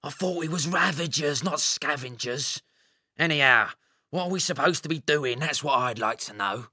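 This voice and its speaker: A man's voice: on the high side, normal speed, bright, forceful tone, no room sound, studio quality, pitched above the performer's own voice. A man playing a swaggering brute of a stoat. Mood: sneering. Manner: coarse, swaggering, rough dialect grammar. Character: burly boastful brutish male stoat warrior.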